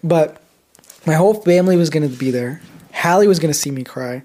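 A man's voice: a little high, a little fast, dark tone. A young man co-hosting a podcast, telling a story in a rambling casual chat full of fillers and restarts. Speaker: podcast co-host.

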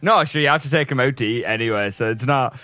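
A man's voice: medium pitch, fast talker, bright, forceful tone, no echo. A man chatting casually as a podcast co-host, with a very slight lisp from aligners on his teeth and a hesitant, careful delivery. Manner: hesitant, restarting, careful with S sounds. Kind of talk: casual chat.

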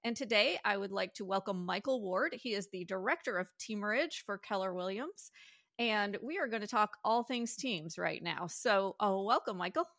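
A woman's voice: mid-range voice, lively intonation, normal speed, a bit bright, no room sound, clean studio sound. A woman hosting a podcast interview, chatty and casual, with fillers and light self-deprecating asides. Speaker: podcast host.

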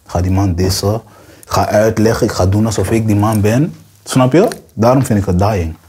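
A man's voice: fairly low pitch, moderate pace, husky. A young man rapper, interview guest, talking in casual street slang and acting out quotes with a raised voice. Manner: animated, acts out quotes with raised voice.

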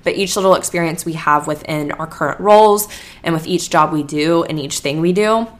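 A young woman talks through her week on her own podcast. She rambles in a casual way, restarting sentences and filling gaps with "like." Her voice sits on the lower side. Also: brisk. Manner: rambling, many "like" fillers and restarts. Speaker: podcast host. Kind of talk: casual solo podcast chat.

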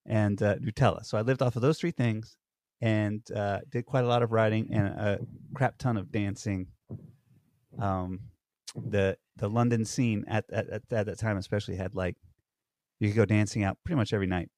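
A man's voice: on the low side, fairly even intonation, normal speed, a little mellow, no echo, clean studio sound. A man co-hosting a podcast, telling stories in rambling casual chat full of fillers and restarts. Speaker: podcast co-host. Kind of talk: casual conversation.

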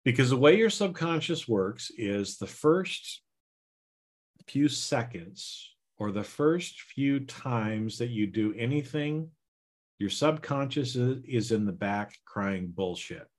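A man hosting a podcast, teaching a gratitude exercise in a casual, drawn-out way, tagging lines with "right?" and "okay?". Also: medium pitch, animated. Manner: slow, drawn-out, frequent "right?" and "okay?" tags. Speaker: podcast host and healing coach.

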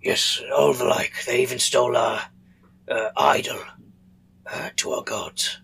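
A man's voice: medium pitch, fairly even intonation, unhurried, gravelly, a bit bright, slight background noise, rough recording. A man voicing a worried orc villager, telling of a raid in a tabletop game. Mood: anxious. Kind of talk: tabletop roleplay.

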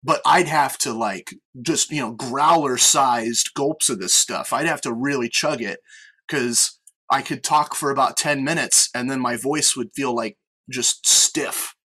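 The American man's medium-pitched voice is bright, forceful and slightly rough, and he takes his time. He's an experienced podcast host keeping a sports show casual and conversational over an online video meeting call.

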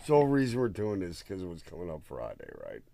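A man's voice: sits low, huge pitch swings, fast, mellow. A man chatting casually as a co-host of a film review, with crude, opinionated, joking talk. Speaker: podcast co-host.

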